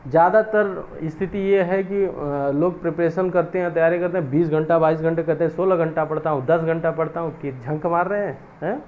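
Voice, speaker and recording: A man coaching exam aspirants, talking earnestly and growing loud and scolding as he urges them on. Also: a little high, fairly even intonation, a little fast, few pauses. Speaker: coaching teacher. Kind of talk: motivational talk to exam aspirants. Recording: tinny phone-like audio with faint noise.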